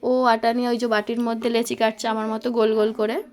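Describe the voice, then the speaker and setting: A woman's voice: a little high, little pitch movement, fairly quick, a little mellow. A young woman, casually narrating her day of household chores as a mother, recorded on a phone. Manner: chatty, homely narration of daily chores. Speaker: vlogger, mother.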